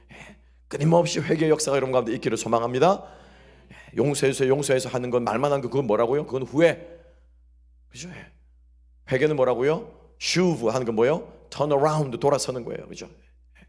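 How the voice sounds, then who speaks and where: A male pastor, preaching a sermon that keeps asking the congregation questions and drops into soft, quiet asides. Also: fairly high pitch. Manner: call-and-response questioning of the congregation. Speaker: senior pastor.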